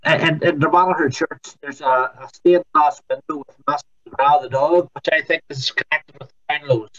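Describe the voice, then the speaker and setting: A man in a casual group discussion on a video call, talking haltingly and repeating words while his call audio breaks up and drops out. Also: fairly high pitch, steady tone, fairly bright tone, muffled recording. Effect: call audio breaking up, dropping out. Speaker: society member joining an online talk.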